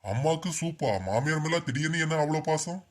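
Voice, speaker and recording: A fussy, fretful husband and son in a cartoon, as a man voices him, with a Kanyakumari Tamil accent. He chatters quickly in a voice a little higher than most men's. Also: lightly acted. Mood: chatty.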